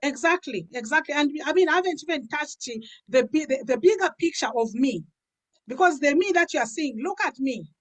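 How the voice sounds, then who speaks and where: A woman in her 50s from Africa shares a pastor's personal testimony about health and business in a conversational way. Her high-pitched voice is expressive and brisk, and she emphatically repeats phrases to drive her points home.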